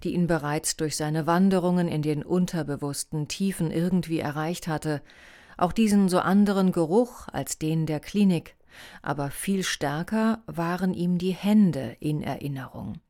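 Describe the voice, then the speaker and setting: A woman narrating a novel as an audiobook in an even, measured reading. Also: on the low side.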